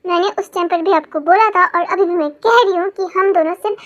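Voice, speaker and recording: A woman's voice: very high-pitched, fairly even intonation, fast talker. A woman voicing a flustered young female assistant who talks back in a sassy way, in a fan audio story. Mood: defiant. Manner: pleading, then sassy. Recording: faint music underneath.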